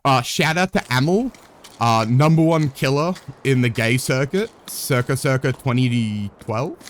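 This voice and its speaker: A man's voice: mid-range voice, a little slow. A young man live-streaming a game, chatting casually in a rambling way, swearing freely, with wry asides to his viewers.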